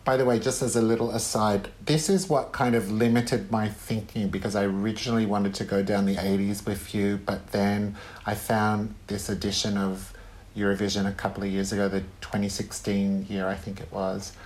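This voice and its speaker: A man who is a guest author on a casual podcast interview, rambling with halting restarts and frequent ums. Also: on the low side, flat delivery, darkish tone.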